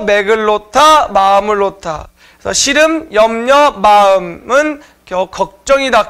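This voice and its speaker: A man's voice: extremely high pitch, creaky, fairly bright tone. A man teaching an online exam-prep lecture, explaining answers to viewers with frequent filler sounds.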